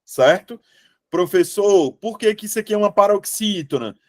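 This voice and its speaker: A man's voice: high-pitched, normal speed, dry recording, clean studio sound. A young adult man teaching a Portuguese grammar lesson for exam prep, checking in often with the class. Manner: lively, coaxing, asks the class frequent checks.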